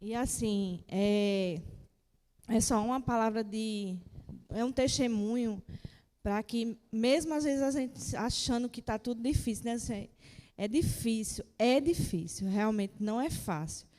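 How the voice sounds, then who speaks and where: A woman shares an earnest testimony in a church, her fairly high voice ringing with long hall reverb. She speaks haltingly, with frequent pauses and restarts. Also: warm tone. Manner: earnest, hesitant, many restarts. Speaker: church member giving testimony. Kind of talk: spoken testimony.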